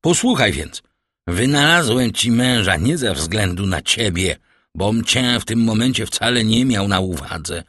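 A man's voice: lowish voice, lively intonation, measured pace, fairly bright tone, dry recording, clean studio sound. A man voicing a cold, scheming middle-aged banker who lectures his daughter with sarcastic irony. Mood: stern lecturing. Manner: stern, ironic, lecturing. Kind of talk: audiobook character voicing.

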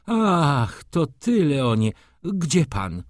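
A man putting on a frantic high-voiced baroness. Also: big pitch swings, no echo, clean studio sound. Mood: agitated. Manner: agitated, hurried exclamations. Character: flustered aristocratic lady, baroness, easily upset.

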